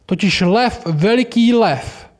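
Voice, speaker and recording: A man's voice: sits high, animated, voice pushed up. Man doing an eager talking beaver, raised voice.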